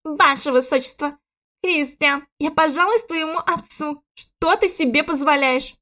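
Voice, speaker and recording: A woman voicing an indignant court lady who speaks sharply and squeakily in an audiobook. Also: measured pace, sharp tone.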